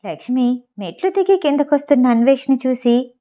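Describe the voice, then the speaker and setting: A woman's voice: high-pitched, expressive, fairly quick, mellow. A woman narrating an audio novel, reading every character's lines herself. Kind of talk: storytelling narration with character dialogue.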